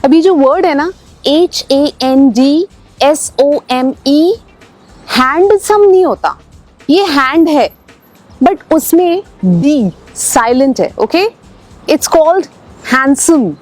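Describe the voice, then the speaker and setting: Slow, high-voiced woman teaching pronunciation. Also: expressive, a little mellow, faint music behind. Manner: spells words letter by letter, then says them slowly. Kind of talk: scripted pronunciation lesson.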